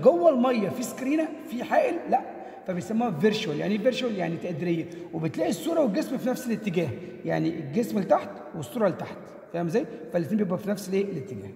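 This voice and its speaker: Egyptian man as a teacher, high lively delivery, quizzes himself and hammers points, recorded in an echoey room with a long tail. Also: creaky. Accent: Egyptian Arabic. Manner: asks rhetorical questions and answers them himself; drills key points by repeating them. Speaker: physics teacher. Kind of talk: exam-prep lesson.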